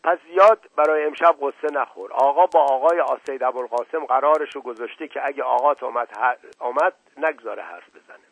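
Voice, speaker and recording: A man reading aloud voices an anxious, folksy male household servant who talks with hushed worry. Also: mid-range voice, creaky, hardly any pauses, husky, no echo, highs cut off. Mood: worried, folksy. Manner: folksy, worried, speaks in hushed urgency.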